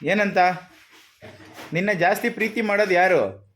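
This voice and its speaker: A man's voice: sits high, measured pace, slight background noise. A man talking with his young daughter, coaxing and mildly scolding her through repeated questions. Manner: coaxing, gently scolding, keeps asking questions. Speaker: father, vlogger. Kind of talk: casual family chat.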